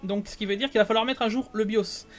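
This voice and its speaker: High-voiced tech news co-host. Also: male voice, quick pace. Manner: animated, questioning, many fillers. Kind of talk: casual tech news chat.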